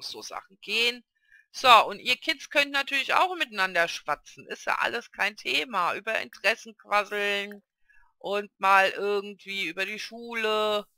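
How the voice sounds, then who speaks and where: A woman's voice: mid-range voice, bright, forceful tone. A woman casually commenting on her own gameplay, chatty and coaxing, talking to her game characters like children. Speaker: let's play gamer.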